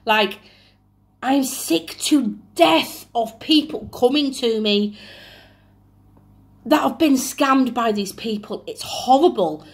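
A woman's voice: a little high, animated, slow pace, pauses often. A woman who works as a witch, ranting indignantly in a vlog, swearing bluntly and using frequent ums. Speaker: self-described witch offering spell work. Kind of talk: angry vlog rant.

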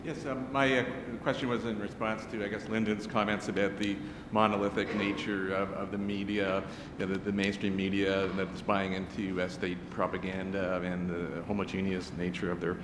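Audience questioner, male, low flat voice, wordy and academic, hall echo. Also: moderate pace. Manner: academic, wordy, many fillers. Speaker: audience member asking a question. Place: large lecture hall. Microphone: stand microphone. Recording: echoey hall with rumble.

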